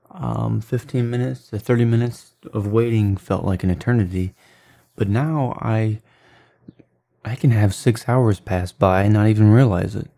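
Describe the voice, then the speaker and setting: An art vlogger in his late twenties narrates over his drawing in a low, warm voice, meandering with plenty of fillers and restarts. He's indoors in a small apartment kitchen, recorded on a handheld camera held at arm's length, and the room is echoey.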